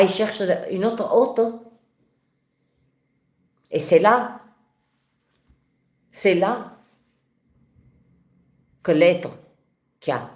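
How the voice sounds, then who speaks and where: A French woman with a regional accent hosts a spiritual live stream and talks with fervent passion. She speaks slowly and spontaneously, often restarting her phrases. Her voice carries a roomy echo. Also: mid-range voice. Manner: passionate, animated, with many restarts. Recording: echoey room.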